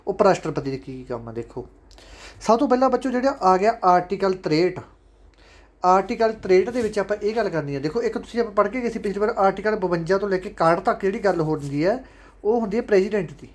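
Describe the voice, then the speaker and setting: Punjabi guy teaching exam prep online, talks fast, keeps saying okay and repeating stuff. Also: high-pitched, expressive. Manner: chatty and fatherly, calls students "sons"; repeats key points with frequent "okay". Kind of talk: casual online lecture.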